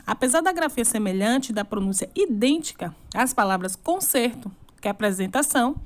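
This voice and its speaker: A woman teacher giving a recorded remote lesson, going through examples slowly and word by word, and asking her pupils questions. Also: a little high. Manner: slow, deliberate word-by-word examples.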